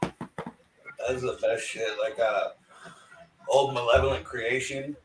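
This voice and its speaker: A man in his forties chats in a relaxed, easygoing way on a podcast. His voice sits at an ordinary middle pitch, and the room around him is noticeably echoey. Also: takes it slowly. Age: 40s. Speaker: podcast co-host. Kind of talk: casual chat. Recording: roomy echo.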